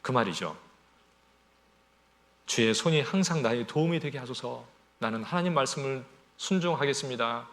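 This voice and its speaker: A male pastor delivers a Sunday sermon in an easy, conversational way. His pitch sits in the middle but rises and falls with lively swings. He often throws rhetorical questions to the congregation and acts out little everyday scenes.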